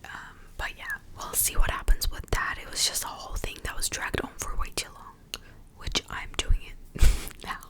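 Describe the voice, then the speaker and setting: A woman whispers close to the microphone in casual, gossipy ASMR chat, as if sharing a secret, conversational and opinionated. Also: moderate pace. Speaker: ASMR host.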